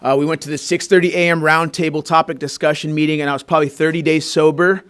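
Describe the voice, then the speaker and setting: A man with a fairly high voice tells his recovery story at a meeting in a school room. He talks in a casual, heartfelt way, full of fillers, restarts and warm asides. He is from Peru and grew up in Southern California. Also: fairly even intonation, fast, clean tone. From Peru, raised in Southern California. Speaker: main speaker at a recovery meeting. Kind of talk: personal recovery share.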